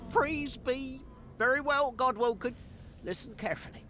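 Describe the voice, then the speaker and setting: A man's voice: very high-pitched, moderate pace, sharp tone, slight background noise. A man playing a craven, scheming old undead dwarf skeleton in a fantasy video game, theatrical as he swings between frantic pleading and ominous intoning. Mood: craven, eager.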